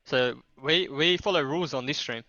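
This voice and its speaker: A man's voice: on the high side, sharp tone, no room sound, dull audio. A man co-hosting a gaming stream, joking around in casual banter. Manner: joking, quick to laugh. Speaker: stream co-host.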